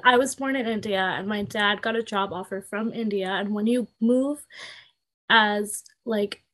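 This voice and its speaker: A twenty-year-old woman, guesting on a podcast, explains her situation in a chatty, casual way full of "like" fillers. Her voice is medium-pitched and the recording quality is low.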